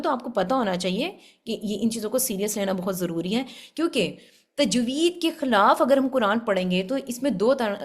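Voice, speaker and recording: A woman giving a religious lesson on Quran recitation, explaining patiently and often checking with her listeners. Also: on the high side. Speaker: Quran tajweed teacher.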